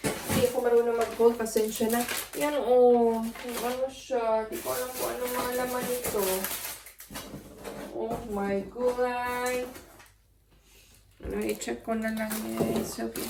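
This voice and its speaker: A woman's voice: on the high side, little pitch movement, measured pace, vocal fry, heavy background noise. A woman vlogger chatting casually as she unboxes food, joking about names she can't pronounce. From Philippines. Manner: chatty, self-deprecating, stumbles over food names. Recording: roomy, distant mic, music underneath.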